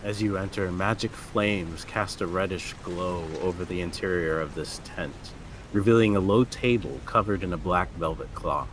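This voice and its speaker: A man's voice: sits low, normal speed, a little hiss or hum, rough recording. A man narrating a tabletop role-playing game as the game master.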